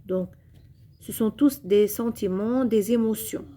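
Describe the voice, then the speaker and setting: A young woman teacher giving a recorded grammar lesson to pupils, repeating each point in a slow, deliberate way. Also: mid-range voice, warm tone.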